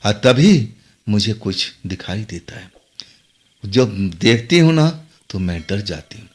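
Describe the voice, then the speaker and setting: A man's voice: on the low side, expressive, slow, breathy edge. A man narrating a horror story in the first person, dramatic and tense.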